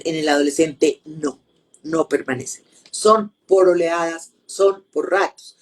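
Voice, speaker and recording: A woman's voice: lowish voice, darkish tone, slightly rough. A woman, a grief counselor answering interview questions in a patient, teacherly way, repeating points and giving everyday examples.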